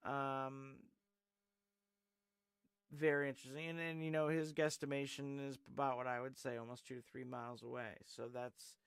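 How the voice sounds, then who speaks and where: On a live call-in stream, the host talks loosely and rambles, filling space with fillers and reading the chat out loud. His medium pitch shifts little, and he keeps a normal speed. The tone is clear and resonant in a dry recording.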